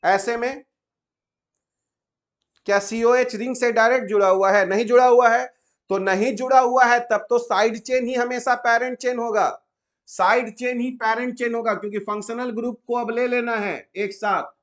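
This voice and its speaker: High-voiced man teaching chemistry. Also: steady tone, a bit bright. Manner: asks students frequent check questions; slows down to spell out names. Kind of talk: explaining step by step to students.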